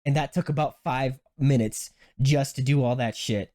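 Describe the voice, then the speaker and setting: A man telling a story in casual podcast chat, animated and full of swearing, with many restarts and sudden high jumps when he quotes himself. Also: normal speed. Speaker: podcast host.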